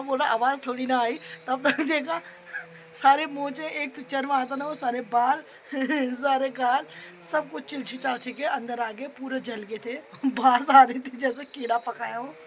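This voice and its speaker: A young woman from the north Indian hill region laughs frequently as she chats through her daily routine at home, moving between indoors and the sunny outdoors. Her high-pitched voice stays steady at a normal speed, though the poor audio has a little hiss or hum.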